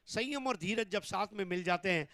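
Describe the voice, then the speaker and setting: A man calling a match ball by ball in excited cricket commentary, drawing out his calls on big shots. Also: high-pitched, moderate pace, no echo.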